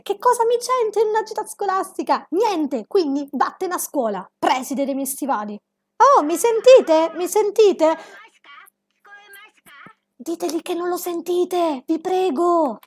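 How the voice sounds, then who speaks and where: A woman commentating a video game, reading the dialogue aloud and ranting dramatically at the characters. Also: very high-pitched. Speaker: gameplay commentator.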